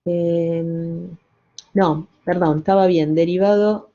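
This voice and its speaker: A woman's voice: fairly low pitch, steady tone, slow, dark tone, dull audio. An older woman giving a classroom lecture, explaining step by step with rhetorical questions, wry asides and frequent self-corrections. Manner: self-correcting, checks understanding with "¿sí?" and "¿no?". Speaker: university lecturer.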